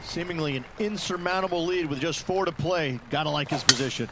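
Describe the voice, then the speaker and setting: Man as golf commentator, higher-voiced analyst. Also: fairly quick, over a noisy crowd, heavy background noise, natural voice. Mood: knowing, measured. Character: male golf analyst giving knowing asides in a game.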